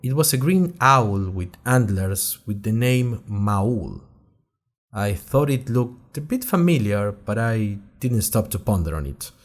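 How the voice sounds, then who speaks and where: Taking it slowly in a fairly low voice, a man plays a curious young student journalist hosting a fictional podcast. He narrates his adventures in scripted first-person audio drama, chatty, wry and expressive.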